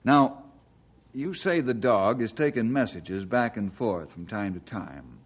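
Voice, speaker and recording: An actor playing a calm, kindly, confident Western ranger in an old-time radio drama, with a folksy, earnest, reassuring manner. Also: male voice, on the low side, unhurried, breathy edge. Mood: calm, determined.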